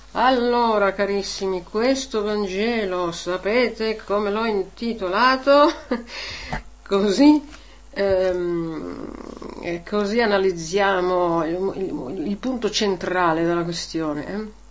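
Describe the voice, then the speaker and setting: A woman reading a Gospel passage aloud and then preaching a homily to a congregation, stressing key words and tagging points with questions. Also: medium pitch. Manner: emphatic, rising loud on key words, frequent "eh?" tags.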